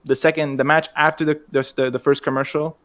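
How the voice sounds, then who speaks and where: A man's voice: on the high side, little pitch movement, brisk, fairly bright tone. A man co-hosting a wrestling podcast, chiming in with quips and opinionated gripes in a casual chat. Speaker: podcast co-host.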